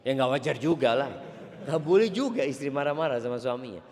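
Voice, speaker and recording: A man preaching a sermon to a congregation, animated and playful, addressing the audience directly. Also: mid-range voice, fast, long reverb tail.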